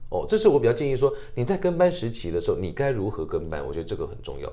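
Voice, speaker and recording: Animated, fast-talking Taiwanese man. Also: lowish voice. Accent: Taiwanese Mandarin. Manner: animated, repeats phrases for emphasis. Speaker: voice actor guest. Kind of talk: radio interview, explaining.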